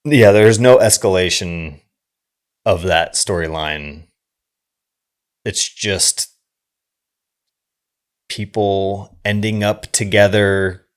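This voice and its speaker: In a relaxed chat about movies, a male podcast co-host with a low, clean voice works through his thoughts hesitantly and thoughtfully, feeling his way as he reflects.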